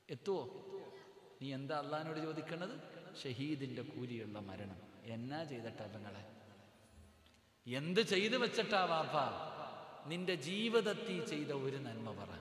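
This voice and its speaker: A man preaching, his voice rising into pleading questions aimed at the crowd. His pitch sits in an ordinary middle range. The sound rings with heavy room echo and a long reverb tail, like a large hall. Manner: emotional, pleading, rhetorical questions to the audience. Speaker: Islamic preacher. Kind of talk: impassioned sermon.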